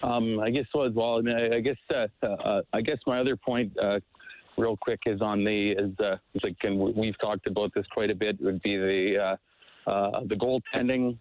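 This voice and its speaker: A man calling in to a sports talk show over the phone, speaking haltingly with many fillers and restarts. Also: lowish voice, steady tone, no room sound. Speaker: caller. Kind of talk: sports call-in chat. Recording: dry tinny phone line.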